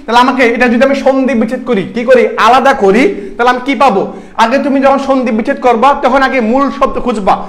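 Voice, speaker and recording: High-voiced, fast-talking tutor man. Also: fairly even intonation. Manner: quizzes students, repeats key answers. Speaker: admission exam tutor. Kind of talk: online exam-prep class.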